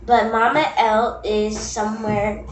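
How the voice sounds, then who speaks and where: Woman, family vlog host, casual rambling talk, slightly high voice, distant in an echoey kitchen. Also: flat delivery, slow, a little hiss or hum. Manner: rambling, chatty, hesitant with fillers. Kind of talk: casual chat to camera. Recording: echoey room, distant from mic.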